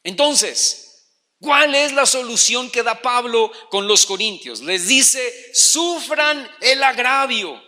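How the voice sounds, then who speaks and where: A male pastor preaches in a very high, piercing, bright voice. His talk is conversational and lively, and a long hall reverb trails each phrase. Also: takes it slowly. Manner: conversational and animated, addressing listeners as "hermano". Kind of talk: sermon.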